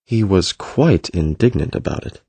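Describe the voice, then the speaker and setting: A man voicing a gentle, thoughtful young prince in an audiobook, soft-spoken and reflective. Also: low-pitched, lively intonation, moderate pace, slightly rough, no room sound, full character voice. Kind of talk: audiobook character voice.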